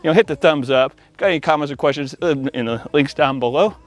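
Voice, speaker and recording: Over background music, a man with a slightly high voice talks quickly through an informal product showcase in a backyard. He's an audio-video installer presenting for his company's channel and chats with viewers in a conversational way.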